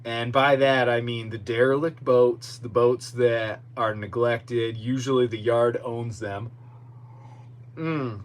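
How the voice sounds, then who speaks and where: A man's voice: medium pitch, steady tone, slow. A man hosting a casual solo podcast live stream from outdoors in a yard, talking in a rambling, self-deprecating way. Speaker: podcast host. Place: outdoors in a boatyard. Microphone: podcast microphone. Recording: noticeable background noise with hum.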